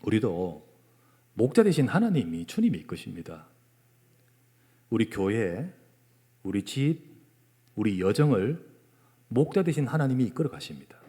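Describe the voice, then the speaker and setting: A male pastor with a Gyeongsang Korean accent preaching a sermon in a church, moving between loud emphasis and hushed whispers. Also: mid-range voice. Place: church sanctuary. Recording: long church hall reverb.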